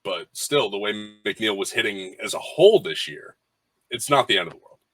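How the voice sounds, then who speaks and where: A man's voice: fairly low pitch, animated, normal speed, sharp tone, dry recording, low-quality recording. A man co-hosting a podcast, talking baseball casually with lots of fillers and restarts. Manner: rambling with frequent fillers and restarts. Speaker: podcast co-host. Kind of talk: casual sports chat.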